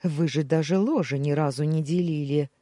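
A woman voicing a ruthless older man, the husband's greedy uncle, who talks gruffly and barks orders. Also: sits low, normal speed, warm tone, no echo, clean studio sound, lightly acted. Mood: scheming.

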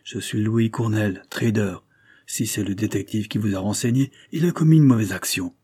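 A man voicing a calm, cold middle-aged island trader in a storybook reading, speaking slowly and evenly. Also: lowish voice, husky. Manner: calm, slow, composed.

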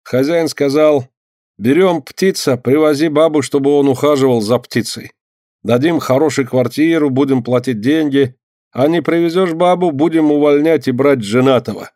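A man's voice: fairly high pitch, normal speed, warm tone, dry recording, clean studio sound, pitched above the performer's own voice, close to an everyday voice. A man putting on a lamenting man in broken speech. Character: timid kindly man speaking broken Russian.

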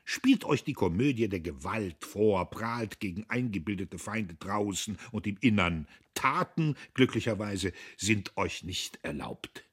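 A man's voice: fairly low pitch, expressive, measured pace, few pauses, husky. A man reading an audiobook, voicing a drunk, sentimental older liberal who declaims grandly. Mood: heated rhetoric. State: tipsy.

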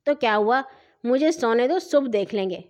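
A woman's voice: on the high side, animated, darkish tone, lightly acted. A woman voicing a sleepy father in a children's story who mumbles while half awake. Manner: drowsy mumbling.

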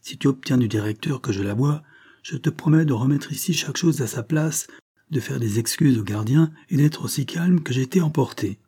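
Here is a big, violent convict in a spoken storybook, voiced by a man reading. He speaks in a blunt, demanding way. His voice is dark and husky. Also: mid-range voice, normal speed, pitched above the performer's own voice, natural voice. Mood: pleading, calmer. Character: big, violent, hot-tempered male convict.

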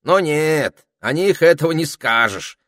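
A man's voice: a little high, lively intonation, measured pace, a bit bright, no echo, clean studio sound, pitched above the performer's own voice. A man voicing a bossy, fussy talking male parrot in an audiobook, with theatrical, indignant outbursts. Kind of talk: audiobook character voice.

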